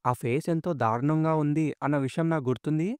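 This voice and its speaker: A man retelling a manga story in a casual, brisk way, reading the characters' lines in a lower, softer voice. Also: clean tone, no room sound, studio quality. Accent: Telugu-English mix. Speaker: manga narrator.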